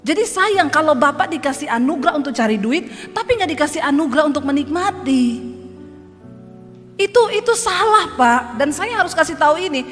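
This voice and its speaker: A woman's voice: high voice, animated, moderate pace, big-room sound, faint music behind. A woman pastor preaching a sermon in a chatty, storytelling way, often turning to her listeners directly.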